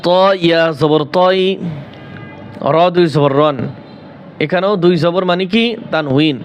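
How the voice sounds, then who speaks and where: A man with a high voice teaches Quran recitation, spelling out each word slowly and deliberately. He breaks into long, melodic chanting of the words between quick explanations. A faint hiss of background noise sits under his voice. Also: steady tone. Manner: asks questions then answers them himself.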